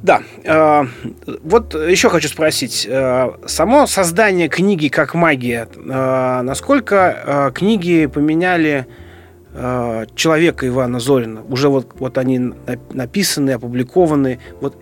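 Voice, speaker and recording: A male radio host who also teaches, asking long, searching questions and slowing down to find his words. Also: medium pitch. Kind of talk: radio interview hosting. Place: radio studio.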